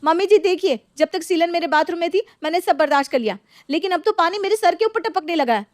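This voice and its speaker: A woman playing a stubborn shrill daughter-in-law. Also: expressive, brisk, no room sound, clean studio sound. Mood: indignant. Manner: indignant, shrill complaining.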